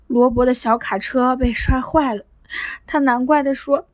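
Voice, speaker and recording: Woman reading a gentle bedtime story. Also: sits high, steady tone, moderate pace, no echo. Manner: gentle, clear reading to children. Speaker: children's storyteller.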